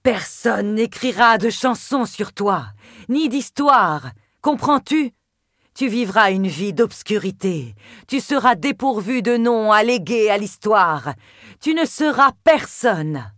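A woman's voice: mid-range voice, animated, measured pace, no echo, studio quality, lightly acted. A woman voicing a proud, cold, furious goddess in an audiobook, speaking in a cutting, imperious way. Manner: cutting, imperious, spits words. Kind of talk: audiobook character voice.

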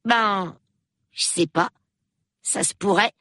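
A woman reading an audiobook, voicing a cheeky, excited young boy who chatters quickly and eagerly. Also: medium pitch, no echo, studio quality, voice pushed up.

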